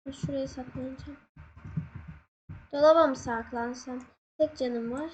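A young woman casually commenting on her gameplay, excitable, laughing and yelping when scared. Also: sits high, unhurried, lo-fi sound, slight background noise. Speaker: gaming channel host.

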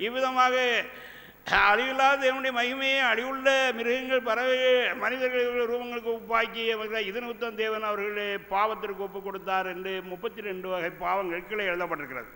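An older man preaching a sermon from a church conference stage into desk microphones. He teaches slowly from scripture and reads verses aloud. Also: very high voice, sharp tone. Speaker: pastor. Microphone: two desk microphones. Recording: long hall reverb.

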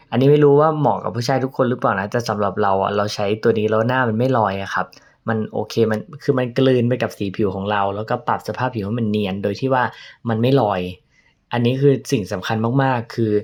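A man chatting casually through an everyday makeup routine in a vlog, playful and joking at his own expense. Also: fairly low pitch. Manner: playful, chatty, laughs at himself. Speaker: makeup vlogger.

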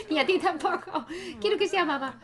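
A woman's voice: extremely high pitch, animated, moderate pace, a crowd in the background. A young woman with a Spain Spanish accent gives casual let's-play commentary, chatting to her game characters and laughing often. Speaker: gaming youtuber.

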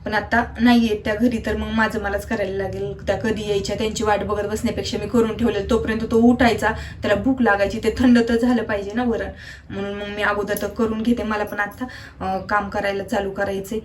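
A young woman chatting casually through a home vlog, talking softly and rambling about her day as a mother. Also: mid-range voice, little pitch movement, a little fast, a little hiss or hum. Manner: chatty, soft-spoken, rambling asides. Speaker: vlogger and mother.

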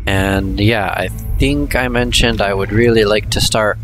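Man, lowish voice, let's-play commentary, drawn-out pace, thinks aloud. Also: fairly even intonation, a bit bright, faint music behind. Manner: thinking aloud, unhurried, hesitant asides. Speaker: gameplay commentator.

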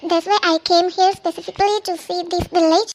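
A voice actor playing a kindly woman tourist visiting a village in a cartoon, speaking very slowly and hesitantly. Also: very high-pitched, fairly even intonation, full character voice. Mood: earnest. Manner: very slow, hesitant speech.

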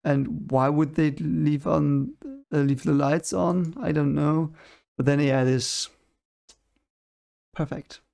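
Young man with a gravelly, skeptical voice. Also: a little high, steady tone, slow pace, pauses often, a little mellow. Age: young adult. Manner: skeptical, dismissive, searches for words. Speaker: reaction video host. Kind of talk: casual reaction commentary. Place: home room at a desk. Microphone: desk microphone in front of him.

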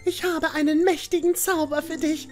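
A woman voicing a flirty female fairy in a sugary, drawn-out, sing-song way. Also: very high voice, fairly even intonation, darkish tone, soft background music, pitched above the performer's own voice. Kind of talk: reading game dialogue aloud.

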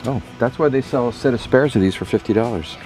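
A man's voice: mid-range voice, fast talker, darkish tone, soft background music. A man in his forties on a sailboat deck outdoors, casually talking through a repair as he works, thinking aloud and muttering at the job. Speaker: sailing vlogger. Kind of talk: casual narration while working.

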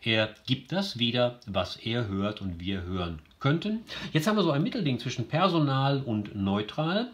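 A man's voice: medium pitch, very animated, normal speed, few pauses. A man teaching literature, reading a short story aloud and stopping to explain it, thinking aloud with many fillers and restarts. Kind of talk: explaining a literary text with read-aloud passages.

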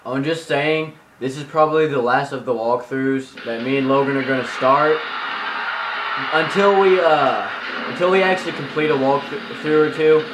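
A young man with a mid-range, fairly bright voice hosts a gaming video, giving goofy playthrough commentary full of nonsense sounds and sing-song. A camera in an indoor room in front of a TV picks him up with a roomy sound, a little hiss or hum, and game music playing from the TV.

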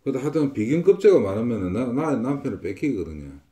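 During a fortune-telling session, a male fortune teller makes confident, repetitive pronouncements about what lies ahead. He talks fast in a mellow, mid-range voice and is very animated.

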